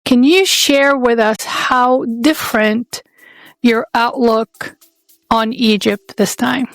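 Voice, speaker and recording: A woman's voice: fairly high pitch, fairly even intonation, takes it slowly, no echo, faint music behind. A woman in her fifties from Saudi Arabia hosting a podcast, talking in an earnest, reflective way and often restarting her phrases as she searches for words. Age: 50s. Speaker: podcast host.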